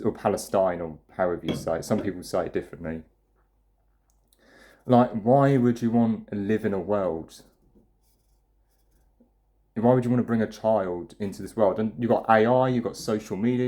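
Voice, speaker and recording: A man's voice: on the low side, darkish tone. Blunt, swearing young man ranting. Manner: blunt, profane, rambling with restarts. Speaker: vlogger. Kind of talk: casual ranting monologue.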